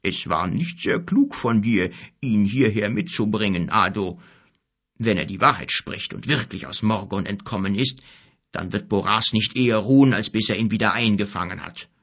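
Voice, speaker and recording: A man's voice: fairly low pitch, animated, fairly bright tone, breathy edge, heavily acted. A man voicing a weary old pond king. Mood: grave. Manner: grave, bitter, measured speech. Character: old bent sorrowful king of a pond people.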